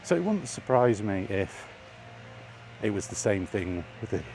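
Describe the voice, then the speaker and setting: A male vlogger strolls under the trees, casually rambling with wry grumbles. His voice is on the low side and a little mellow, very animated yet at a measured pace. The recording has faint outdoor ambient noise.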